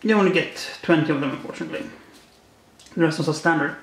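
A man with a fairly high voice talks fast while hosting a casual card unboxing, tossing off wry puns about each card. The bare, unfurnished apartment makes him echo, and faint noise sits in the recording.

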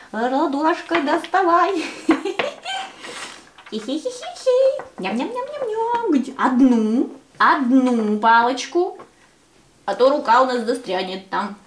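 A young woman speech therapist leading a playful exercise with a small child, over-enunciating in sing-song, drawn-out, repeated short phrases. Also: fairly high pitch, expressive. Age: young adult. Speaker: speech therapist teaching a toddler. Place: small furnished children's room, indoors. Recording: roomy echo, clear background noise and clicks.

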